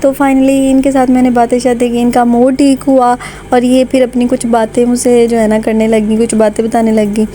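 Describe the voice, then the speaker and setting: A woman's voice: fairly high pitch, completely flat delivery, normal speed, dark tone, a little hiss or hum. A woman from Pakistan with a Pakistani Urdu accent, narrating her family vlog in a chatty, conversational way with frequent fillers. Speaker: vlogger.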